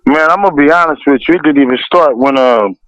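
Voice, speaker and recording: A man from Los Angeles, a music producer as guest, speaking candidly and unhurried with restarts. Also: fairly high pitch, a bit bright, no room sound. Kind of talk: casual interview. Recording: dull lo-fi radio sound.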